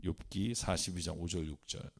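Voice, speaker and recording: A man's voice: low-pitched, moderate pace, creaky. A male pastor leading a Bible study lecture, emphatic and speaking straight to his listeners. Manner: animated, emphatic, speaks directly to the audience.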